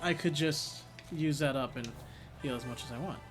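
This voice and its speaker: A man's voice: on the high side, moderate pace. A man streaming a video game with casual live commentary, thinking aloud in short reactions. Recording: music behind the voice.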